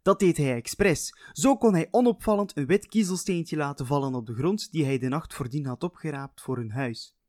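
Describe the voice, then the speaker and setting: A man's voice: a little high, moderate pace, few pauses, darkish tone, dry recording, studio quality. A man narrating a fairy tale in a playful, chatty way, talking straight to the listener. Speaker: storyteller.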